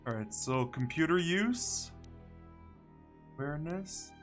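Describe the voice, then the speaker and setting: A man's voice: fairly high pitch, expressive, takes it slowly, soft background music. A man casually commentating on a game livestream, thinking aloud and muttering to himself in short phrases. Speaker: game streamer.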